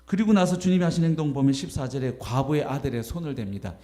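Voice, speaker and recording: A man preaching a sermon as pastor, animated, acting out imagined voices as he goes. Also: medium pitch, fast talker. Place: church sanctuary.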